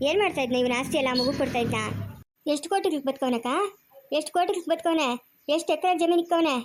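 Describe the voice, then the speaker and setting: A bitter, defiant young mother with a rural Chikkaballapur Kannada accent, as an actress plays her in an amateur family drama. Her voice is high and her words come fast. She throws out accusing questions and refuses to give way. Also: noisy background, natural voice. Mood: resentful.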